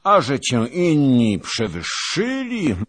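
A man voicing a boastful, gluttonous old nobleman soldier who talks loudly and patronizingly in an audiobook. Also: mid-range voice, wildly swooping pitch, slow, voice pushed up, exaggerated voice. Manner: pompous, patronizing, loud.

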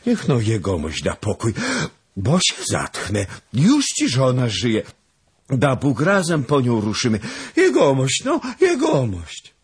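A man voicing a chubby, excitable young male servant in an audiobook. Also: medium pitch, a little slow, slightly rough, voice pushed up, full character voice. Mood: urgent. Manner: excited, exclaiming.

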